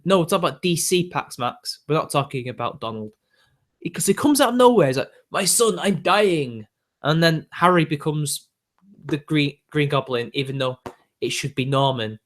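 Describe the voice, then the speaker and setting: With a fairly high, fairly bright voice, a twenty-something British YouTuber who sounds young chats loosely with his audience. His delivery is ranty and exasperated, stuffed with fillers.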